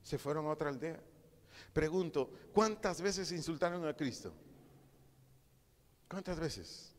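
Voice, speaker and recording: Un pastor con acento mexicano que predica un estudio bíblico en tono conversacional y hace preguntas a la congregación. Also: male voice, fairly high pitch. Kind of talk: sermon Bible study. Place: church hall. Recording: reverberant church hall.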